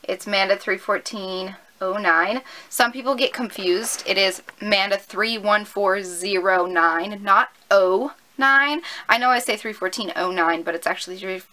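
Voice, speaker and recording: Bright-voiced young woman vlogging casually. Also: mid-range voice, a little slow, few pauses, rough recording. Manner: chatty and upbeat, lots of "like" and "um". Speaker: YouTuber. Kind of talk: casual Q&A vlog.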